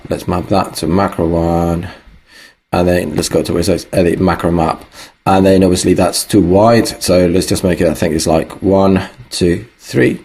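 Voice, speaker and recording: Husky low-voiced man explaining music software. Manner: loose and thinking aloud, many fillers. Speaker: music production tutor. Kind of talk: casual screen-recorded tutorial.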